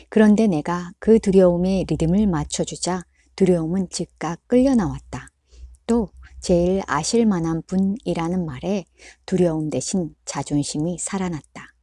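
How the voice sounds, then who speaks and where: A woman reading a book aloud in a calm, measured audiobook narration. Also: on the low side, dry recording, studio quality. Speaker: book reader.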